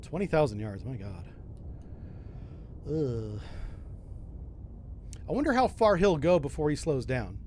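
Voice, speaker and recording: A man's voice: mid-range voice, sing-song, measured pace, long pauses, darkish tone, slight background noise. A man doing casual commentary on a submarine game, thinking aloud with mild exclamations. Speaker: gamer, host.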